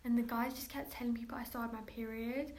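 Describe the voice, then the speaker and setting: A woman's voice: on the high side, steady tone, a little fast, a little mellow. A woman chatting casually as a guest, using many filler words. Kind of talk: casual chat.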